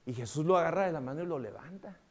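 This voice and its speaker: Animated high-voiced Mexican pastor. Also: male voice, quick pace. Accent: Mexican Spanish. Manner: animated, acts out dialogue with big swings in loudness. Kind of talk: sermon.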